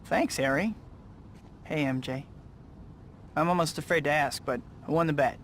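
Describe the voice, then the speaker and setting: An actor playing an earnest, wry young American student who is secretly a superhero, in scripted game cutscenes. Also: male voice, fairly high pitch, moderate pace, a little hiss or hum, natural voice. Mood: friendly, awkward. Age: young adult. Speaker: hero and narrator. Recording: music behind the voice.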